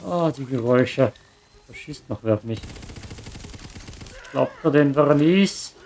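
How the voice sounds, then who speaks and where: A man's voice: medium pitch, slow, darkish tone, soft background music. A man giving casual commentary while playing a video game, with joking, sarcastic asides. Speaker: let's play gamer.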